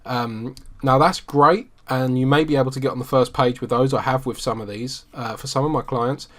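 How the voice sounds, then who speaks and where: A man from the UK, teaching a screen-share marketing tutorial in a relaxed, conversational way with frequent ums. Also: medium pitch, moderate pace. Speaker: SEO marketing instructor.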